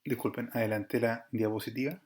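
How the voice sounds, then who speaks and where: A man's voice: mid-range voice, fairly even intonation, brisk, darkish tone. A man teaching an online class over slides, explaining patiently, checking in with his students and correcting himself as he goes. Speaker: Greek teacher.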